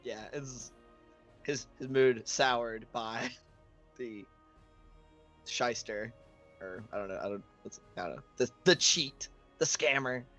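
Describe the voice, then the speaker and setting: A man's voice: medium pitch, takes it slowly, pauses often, bright, forceful tone, faint music behind. A man playing a tabletop game, chatting and role-playing casually with profane, jokey banter. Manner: jokey, profane, laughs often. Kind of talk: casual improvised role-play chat.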